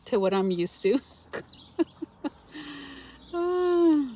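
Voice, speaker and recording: Her voice high-pitched and warm, a middle-aged Los Angeles woman talks extremely slowly yet very animatedly on a casual livestream, with a little hiss or hum in the audio. Host of a frugal-living channel, she reads viewer comments, chats with viewers by name, and laughs often.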